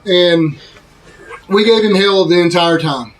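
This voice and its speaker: A man's voice: high-pitched, slow, slight background noise. A man co-hosting a podcast, recounting events in laid-back casual chat. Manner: laid-back storytelling with quoted asides. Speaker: podcast co-host.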